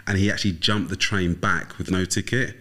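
A man's voice: sits low, fairly even intonation, fairly quick, sharp tone. A man with an Essex accent telling stories casually as an interview guest, hesitant and often repeating words. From Essex, England. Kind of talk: casual conversational storytelling. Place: studio.

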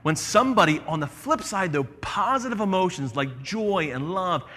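A man preaching a sermon as pastor, animated and conversational, acting out the voices in the story he tells. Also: high-pitched, moderate pace, long reverb tail, soft background music.

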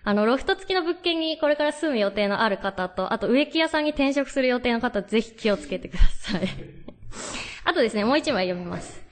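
A young woman hosts a radio talk show in a chatty, storytelling way, reading listener letters between anecdotes. Her voice sits high and moves animatedly up and down. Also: lively intonation, brisk.

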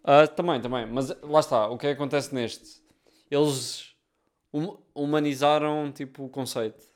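A man's voice: a little high, fairly even intonation, moderate pace. A young man with a European Portuguese accent, chatting casually as a podcast co-host in slangy speech peppered with English. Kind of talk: casual chat between friends.

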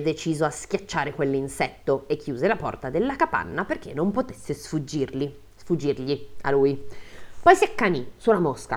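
A woman hosting a podcast, reading a folk tale aloud with joking asides and frequent laughter. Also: deep voice. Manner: expressive, laughs easily.

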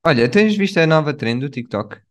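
A man's voice: a little high, expressive, fairly quick, a bit bright. A young man, co-hosting a podcast in a casual, slangy and joking way. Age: young adult. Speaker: podcast co-host. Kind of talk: casual chat.

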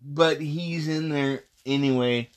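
A man hosting a casual solo podcast review, speaking in halting, terse, choppy phrases. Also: fairly high pitch, steady tone, dry recording. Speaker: wrestling podcast host.

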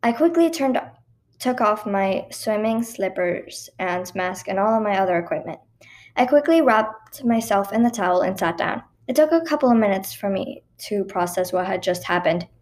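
A woman reads her own personal story aloud with lively expression, stumbling a few times along the way. Her pitch is medium and her pace normal.

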